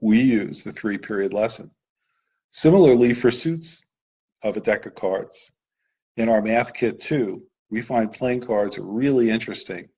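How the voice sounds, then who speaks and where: A man's voice: lowish voice, measured pace, darkish tone, breathy edge, rough recording. A man presenting a live webinar lesson over slides, explaining patiently with occasional "uh"s.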